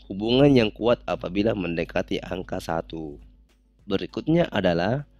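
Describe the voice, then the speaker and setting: A man with a fairly low voice guides viewers through a statistics program in a screen-recorded tutorial. He explains each click in a calm, methodical way while faint music plays underneath. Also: no echo. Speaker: software tutorial instructor.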